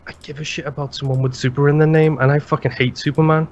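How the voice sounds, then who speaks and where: A man's voice: on the high side, fast, a little hiss or hum. Chatty Englishman on a lo-fi podcast mic. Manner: rambling, animated, swears freely. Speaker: podcast co-host. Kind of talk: casual chat. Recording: slightly dull lo-fi sound.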